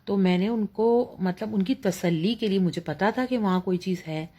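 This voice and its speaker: Woman, middle-aged, Pakistani Urdu accent, casual ghost story, halting with fillers. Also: medium pitch, mellow, husky. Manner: storytelling with many fillers, acting out her mother's lines.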